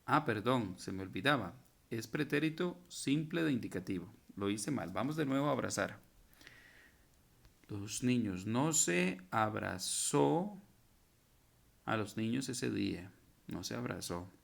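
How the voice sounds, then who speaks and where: This recorded grammar lesson features a man whose fairly low, gravelly voice is animated yet unhurried. He patiently steps through the verb forms one at a time, breaking off to correct typos and his own errors.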